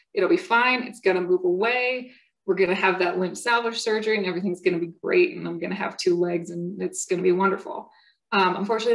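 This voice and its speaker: A young woman tells her own story at a patient symposium. Her pitch sits in an ordinary middle range. She talks earnestly, pausing on fillers and restarting sentences as she goes. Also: creaky, low-quality recording. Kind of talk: personal testimony talk.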